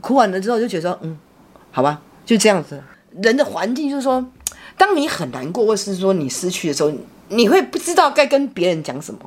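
A middle-aged woman, telling a personal story in casual chat. She talks in an animated way, with many restarts and repeated words. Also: medium pitch, quick pace. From Taiwan. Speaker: podcast co-host, mother.

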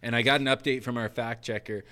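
A man hosting a casual faith podcast, relaxed and chatty as he tells stories and asks questions. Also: medium pitch, fast talker. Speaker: podcast host.

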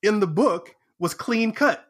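A male guest in a casual interview tells a story with animated excitement, speaking in fast bursts. He acts out the quoted voices of people in it, jumping in pitch.

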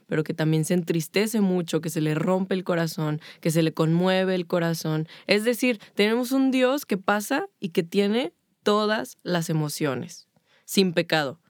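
A woman's voice: lowish voice, no echo, clean studio sound. A woman with a Mexican accent talking casually about faith and emotions, stacking up long spoken lists. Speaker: podcast co-host.

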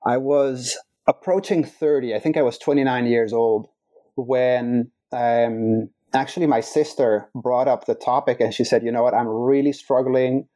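A man in his forties from the Netherlands, a podcast guest telling his own life story in an earnest, measured way with many pauses and restarts. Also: mid-range voice, steady tone, dark tone. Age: 40s. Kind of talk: reflective personal storytelling.

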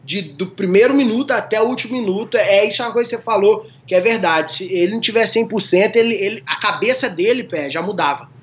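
A man's voice: high-pitched, fast talker, few pauses. A man from a small town in Minas Gerais, a guest telling funny stories casually and laughing often. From small town in Minas Gerais, Brazil. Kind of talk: casual storytelling. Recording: dull lo-fi sound.

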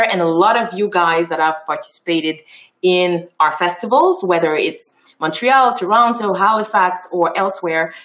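A woman from Haiti, who founded a festival, gives a casual, chatty presentation full of ums and restarts, speaking with a French and Creole accent. Her voice is fairly low in pitch with a fairly bright tone.

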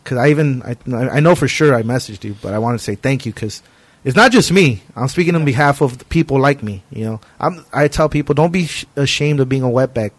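A man's voice: medium pitch, animated, a little fast, no room sound. A man hosting a podcast, talking casually and earnestly in informal, slangy language. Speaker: podcast host. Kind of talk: casual conversation.

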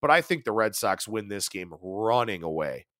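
Animated man rattling off baseball stats. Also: lowish voice, no echo, clean studio sound. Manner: rapid stat-heavy delivery, animated. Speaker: sports betting analyst. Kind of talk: solo podcast analysis.

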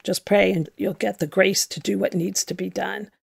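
A woman's voice: mid-range voice, fairly even intonation, normal speed, gravelly, breathy edge. A middle-aged woman, a former nun, telling her story frankly and reflectively in an interview.

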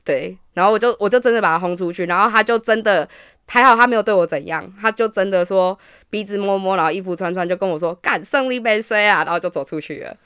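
Frank, animated woman storyteller. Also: mid-range voice, fast talker, clean tone, dry recording, studio quality. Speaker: podcast co-host. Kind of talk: casual podcast chat.

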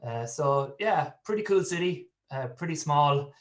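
A man's voice: fairly high pitch, expressive, a little slow. A man around thirty with a west of Ireland accent, telling personal stories as a guest in a casual interview. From Galway, west of Ireland. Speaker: podcast guest, football fan.

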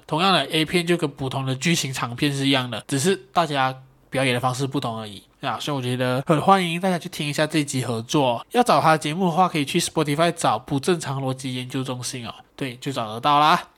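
A young man, hosting a casual solo podcast and telling an animated, self-mocking story with some swearing. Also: medium pitch, fast talker. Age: young adult. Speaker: podcast host.

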